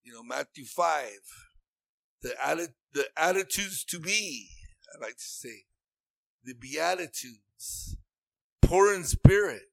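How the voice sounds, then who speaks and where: A man's voice: on the high side, expressive, slow, creaky, long pauses, dry recording. A man preaching a sermon in an earnest, repetitive way that rises into emphatic bursts.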